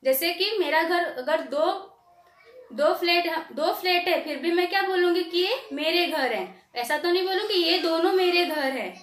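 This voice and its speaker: High-voiced woman teaching grade-school grammar. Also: expressive, a bit bright, reverberant. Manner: slow, repetitive, asks pupils questions and answers herself; dictates definitions slowly, word by word. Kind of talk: Hindi grammar lesson for young pupils.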